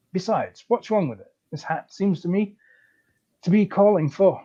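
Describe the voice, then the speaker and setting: Man reading a comic story aloud, mellow. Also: sits high. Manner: breezy, chatty first-person storytelling. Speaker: story reader. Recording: slightly dull lo-fi recording.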